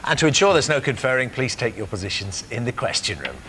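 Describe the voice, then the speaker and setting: A male game show host in a TV studio, reading out multiple-choice questions at a brisk clip. He keeps things lively and drops in the odd "uh" as he chats with the players. His voice sits at an ordinary mid pitch. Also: noisy background. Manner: brisk, upbeat, with frequent "uh" fillers. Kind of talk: television quiz hosting. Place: television studio.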